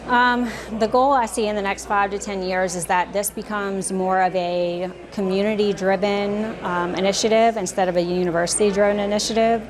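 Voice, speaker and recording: Flat-toned woman answering over crowd chatter. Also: medium pitch, normal speed, hardly any pauses. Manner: steady, with frequent um fillers. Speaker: startup program leader. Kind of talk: interview answers.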